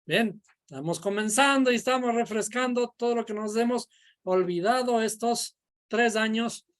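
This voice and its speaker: A woman teaching a Bible study class in a classroom, explaining step by step and quizzing her students. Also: a little high. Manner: slow, deliberate, quizzing the class. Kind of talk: classroom lecture. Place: classroom, indoors.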